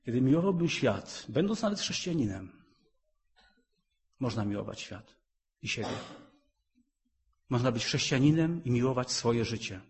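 A middle-aged man preaching a sermon, fervent and rhythmic, repeating phrases and rising to loud emphatic peaks. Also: medium pitch.

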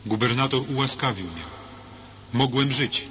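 A man's voice: medium pitch, a little slow, close to an everyday voice. A man voicing an angry, stubborn young male prisoner condemned to death, in a read-aloud story. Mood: remorseful. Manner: shouting, defiant. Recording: dull lo-fi with faint hiss.

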